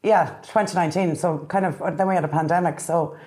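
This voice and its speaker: A woman's voice: fairly low pitch, fairly even intonation, brisk, dark tone. A woman with an Irish accent chatting casually as a club chairperson guest, in hesitant, trailing phrases. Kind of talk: casual chat.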